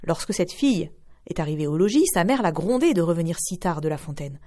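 A woman, reading a fairy tale aloud in a clear, expressive way as a radio storyteller. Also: on the low side, a little fast.

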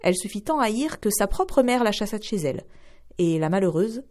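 A woman reads a fairy tale for radio in a clear, expressive voice. Her pitch moves in a lively, wide melody. She narrates at a measured storyteller's pace. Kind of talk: storybook reading.

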